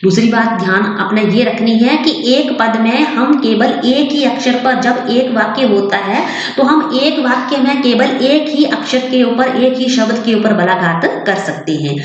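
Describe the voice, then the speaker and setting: A woman's voice: a little high, expressive, muffled recording. Hindi teacher woman in an echoey room. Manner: slow, deliberate example sentences with stressed words. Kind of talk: classroom lesson explanation.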